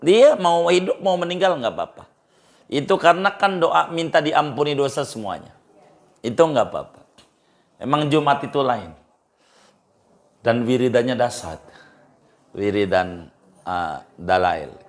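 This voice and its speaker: A man's voice: mid-range voice, expressive, unhurried, long pauses. A man preaching in an informal, emphatic way, answering questions and repeating phrases for stress. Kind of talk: casual religious advice talk.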